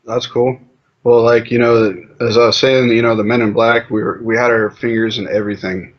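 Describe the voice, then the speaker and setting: A man's voice: mid-range voice, flat delivery, moderate pace. A man being interviewed, talking in a loose, rambling way with lots of fillers. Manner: loose, rambling, heavy on fillers like "you know". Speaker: interview guest. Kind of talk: casual conversational interview. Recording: muffled lo-fi audio.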